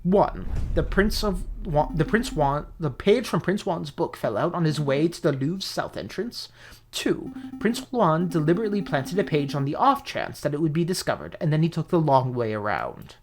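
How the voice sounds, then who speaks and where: In a video game, a woman voices an arrogant male falcon who works as a defence lawyer. Her deep, darkish, expressive voice lectures deliberately, in a cutting and logical way.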